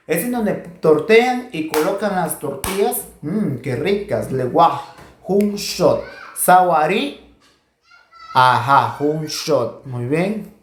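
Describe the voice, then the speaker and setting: A man teaching a language class, drilling pronunciation slowly and encouraging the students to repeat after him. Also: high-pitched. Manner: encouraging, repeats words slowly for learners to echo. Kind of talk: slow call-and-response pronunciation drill. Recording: echoey room.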